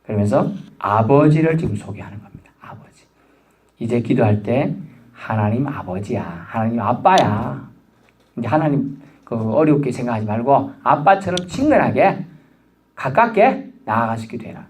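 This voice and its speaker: A man's voice: medium pitch, moderate pace. A middle-aged man preaching a sermon as pastor, talking to the congregation and acting out a child's pleading voice. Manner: animated, acts out a child's pleading voice.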